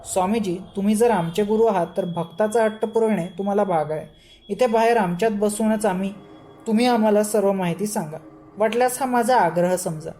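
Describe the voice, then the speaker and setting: A shrewd older man speaks firmly and sensibly, explaining his reasoning step by step. A woman reads him aloud. Her voice is mellow and soft. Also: mid-range voice, fairly quick, slight background noise, natural voice. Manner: firm, level-headed, explaining. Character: shrewd, calm older man, devoted disciple.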